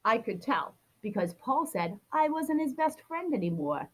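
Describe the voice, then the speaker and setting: A woman's voice: on the high side, sing-song, moderate pace, poor audio. A woman reading a children's picture book aloud, expressively acting out a grumpy child's complaints. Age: adult. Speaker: storybook reader.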